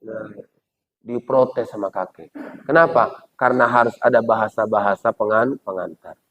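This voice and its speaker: A man's voice: lowish voice, moderate pace, creaky, fairly bright tone. A man preaching a humorous sermon with a Medan Indonesian accent, joking and acting out quoted voices. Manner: jokey, playful, acts out quoted voices. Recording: dull lo-fi recording.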